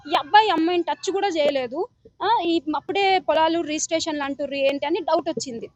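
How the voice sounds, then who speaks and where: Young woman, high pitch, pleading news testimony. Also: no echo, muffled recording. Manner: urgent, pleading, repeatedly addressing the listener as sir. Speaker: complainant interviewed by news reporter. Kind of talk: emotional testimony to a reporter.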